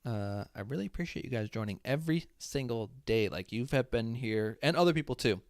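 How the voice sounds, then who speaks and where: A young man hosting a livestream in casual chat, talking loudly and animatedly to his viewers, his voice worn. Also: medium pitch, a little fast, no room sound, clean studio sound. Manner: loud, animated, talks to chat. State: voice giving out. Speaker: livestream host.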